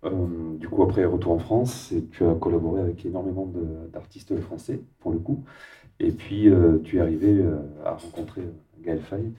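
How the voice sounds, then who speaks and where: A man interviewing a guest, asking his questions in a halting way while searching for words. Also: low-pitched, fairly even intonation, mellow, far from the mic, faint music behind.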